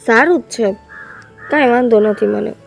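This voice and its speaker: An actress playing a hurt young wife, complaining softly and tearfully in a family drama. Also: female voice, on the high side, normal speed, creaky, faint music behind. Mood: hurt, subdued. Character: hurt young wife, insulted by sister-in-law.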